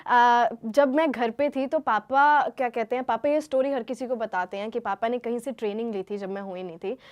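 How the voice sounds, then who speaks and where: Young woman from Haryana, guest, higher voice, lively and quick to laugh. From Haryana, India. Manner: lively, laughs often, switches between two languages. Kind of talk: casual chat mixing Hindi and English.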